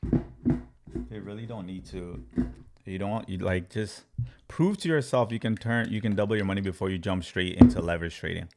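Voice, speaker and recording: A man's voice: low-pitched, moderate pace, heavy background noise. A man from Congo, a crypto trading educator, answering viewers' chat questions on a live stream with emphatic repetition and step-by-step chart talk.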